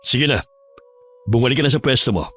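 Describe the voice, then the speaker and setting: Protective hacienda husband, firm and steady , played by a man; audio horror drama. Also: mid-range voice, fairly quick, breathy edge, soft background music. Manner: firm, then pleading and shouting. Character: worried landowner husband, patient and protective.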